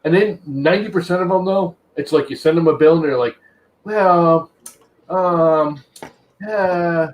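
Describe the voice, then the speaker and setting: A man's voice: on the high side, measured pace, low-quality recording. A man in his fifties in a casual group chat, blunt and ranting, swearing casually. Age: 50s.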